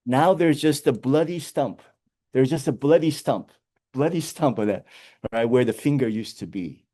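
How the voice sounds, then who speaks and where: A man giving a lecture, telling Zen koans with animated storytelling and frequent chuckles. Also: mid-range voice, moderate pace.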